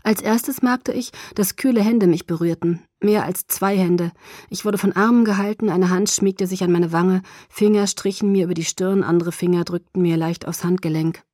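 A woman narrating a novel in the first person, softly, often near a whisper. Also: lowish voice, steady tone, normal speed, no room sound, studio quality. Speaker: audiobook narrator.

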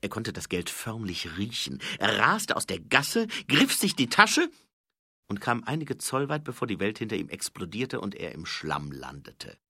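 A male audiobook narrator telling a story with a very lively, wide-ranging pitch. His voice is bright and husky, recorded dry and close. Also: normal speed, few pauses, no room sound. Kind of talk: scripted narration.

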